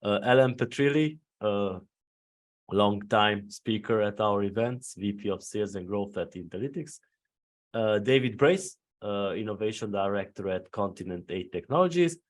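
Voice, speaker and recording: A man's voice: lowish voice, animated, moderate pace. A man moderating a virtual panel discussion, chatty and full of fillers.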